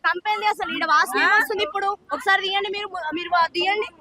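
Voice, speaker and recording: Woman interviewee, very high and quick, evasive and irritated, crowd chatter behind. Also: steady tone. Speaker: interviewee, sister.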